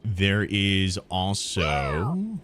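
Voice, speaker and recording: A man's voice: sits low, huge pitch swings, very slow. A man giving casual gameplay commentary as a streamer and host. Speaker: game streamer and video host. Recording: loud game noise and clicking.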